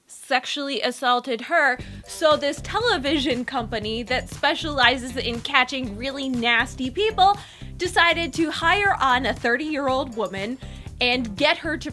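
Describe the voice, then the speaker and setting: A woman with a high, bright voice talks through the news as a co-host. Her delivery is informal and explanatory, like a casual discussion, with faint music underneath. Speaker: co-host of a Korean pop culture news show.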